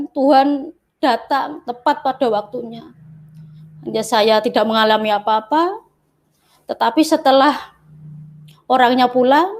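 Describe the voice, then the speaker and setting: High-voiced woman giving an earnest testimony. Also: a little mellow. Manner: earnest, repetitive phrasing, often addresses the interviewer. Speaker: interview guest telling her life story. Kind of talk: personal testimony.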